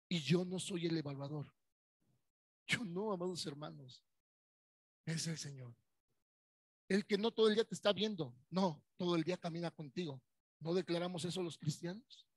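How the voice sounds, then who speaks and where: A pastor with a Mexican accent preaches his Sunday sermon in a conversational tone. His voice sits high for a man and has a husky grain. The sound is dry and close. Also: no room sound.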